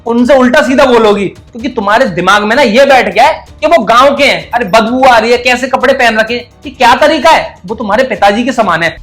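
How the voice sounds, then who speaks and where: A man's voice: very high voice, fairly bright tone. A young man playing a devoted son who speaks earnestly and firmly in defense of his father. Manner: earnest, firm, lecturing.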